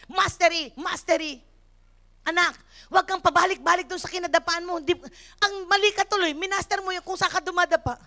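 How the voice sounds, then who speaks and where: A middle-aged woman pastor preaching a sermon, telling lively, humorous stories and switching between Tagalog and English. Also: very high voice. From Philippines. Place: church service.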